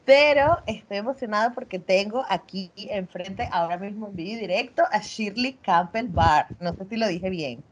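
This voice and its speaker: A woman's voice: mid-range voice, normal speed, hardly any pauses. Enthusiastic woman hosting a podcast. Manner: excited, enthusiastic. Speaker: podcast host. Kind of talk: casual interview hosting.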